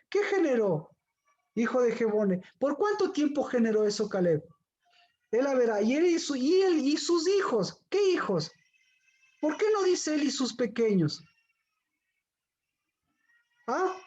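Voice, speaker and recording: A woman's voice: on the high side, darkish tone, lo-fi sound. A woman giving a Bible teaching, firing rhetorical questions at her listeners.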